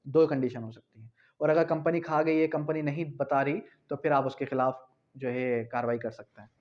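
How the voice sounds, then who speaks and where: A man with a mid-range voice, speaking at normal speed on a lo-fi recording, gives an informal exam-prep lecture on law. He explains casually, repeats key points, and switches between Urdu and English terms.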